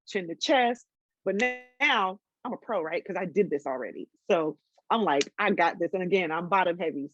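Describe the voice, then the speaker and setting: A woman's voice: medium pitch, muffled recording. A woman in her twenties telling a personal story in a casual interview, candid, with many ums and restarts. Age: 20s.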